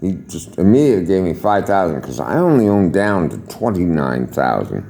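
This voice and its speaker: An older man, a retired air traffic controller, telling stories to camera in a salty, swearing, lively way. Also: sits low, normal speed, creaky. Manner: salty, swears freely, chuckles, lively storyteller. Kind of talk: casual storytelling to camera.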